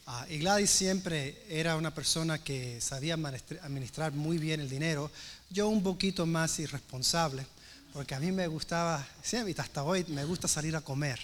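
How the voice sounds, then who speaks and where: A man preaching by telling a chatty personal story, acting out the dialogue with animated energy. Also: a little high, a little hiss or hum. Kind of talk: sermon storytelling.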